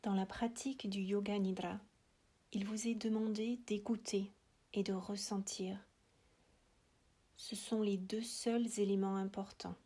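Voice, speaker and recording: A woman guiding a relaxation meditation in a soothing, hushed voice, with short phrases, long pauses and breathy, whispered endings. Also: mid-range voice, little pitch movement. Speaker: yoga nidra relaxation guide.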